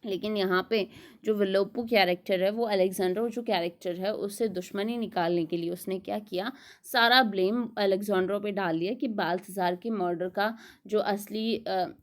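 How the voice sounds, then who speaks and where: A woman teaching an exam-prep literature lecture, explaining in Hindi and reading English summary lines slowly, asking and answering her own questions. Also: mid-range voice, steady tone.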